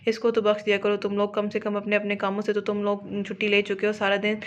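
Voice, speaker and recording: A woman's voice: mid-range voice, completely flat delivery, fast, lightly acted. A woman voicing a stern, serious elder brother in an audio novel, in a level reading voice. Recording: dull lo-fi audio.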